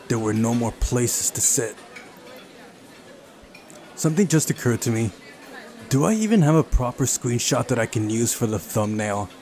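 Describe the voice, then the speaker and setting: Faint music plays under this video game host's mid-range, slightly mellow voice as he reads a visual novel's narration and adds dry, offhand remarks. A little hiss or hum is audible on the recording.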